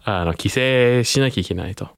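A man's voice: mid-range voice, normal speed, creaky, clean tone, no echo, studio quality. A man co-hosting a podcast, chatting casually and explaining at length, with frequent laughs. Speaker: podcast co-host. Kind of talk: casual chat.

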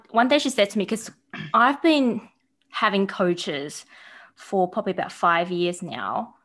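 A Taiwanese woman in her thirties, with a New Zealand and Australian accent, chats bubbly and animated as a guest in a casual podcast interview, acting out quoted voices. Her pitch is fairly low.

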